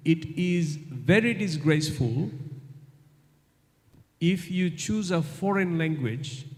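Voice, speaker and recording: A middle-aged Bangladeshi man with a Bangladeshi English accent gives a live guest lecture in a large university hall and answers a student's question, repeating key points for emphasis. His voice is a little high and a little mellow, and the hall adds a long reverb.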